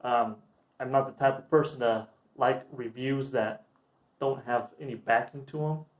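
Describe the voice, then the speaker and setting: A man's voice: mid-range voice, unhurried. Casual, slangy young man vlogging. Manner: informal, slangy, enthusiastic. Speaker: airsoft review vlogger. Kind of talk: casual review chat to camera. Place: backyard outdoors, later a room indoors.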